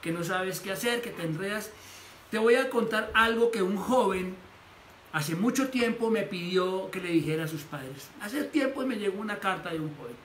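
A man's voice: sits high, expressive, normal speed, a bit bright. A man preaching a sermon as pastor, animatedly acting out the voices he quotes. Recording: echoey room with faint noise.

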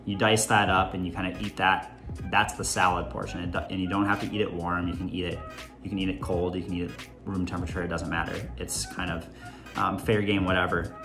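A young adult man who runs a home cooking vlog chats casually while cooking in his kitchen, rambling with playful asides. His deep voice stays level and fairly quick, and the camera sits on the counter as he moves around the room, with clear background music under his voice.

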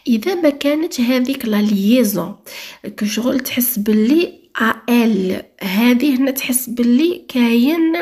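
A woman teaching French grammar, drilling example sentences and repeating words slowly. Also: a little high, lively intonation, darkish tone, slightly rough. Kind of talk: explaining French grammar to learners.

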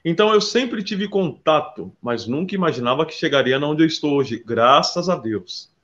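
A man being interviewed as a visual artist, telling stories in a lively, casual way and often calling the listener "brother". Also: a little high, moderate pace. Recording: dull lo-fi sound.

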